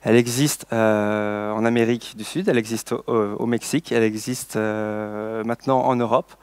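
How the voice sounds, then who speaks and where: A man's voice: lowish voice, fairly even intonation, normal speed, smooth, no room sound. Hesitant French man giving a talk, dry sound. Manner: hesitant, many fillers and restarts, playful asides to the audience. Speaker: social entrepreneur giving a conference talk. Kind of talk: storytelling conference talk.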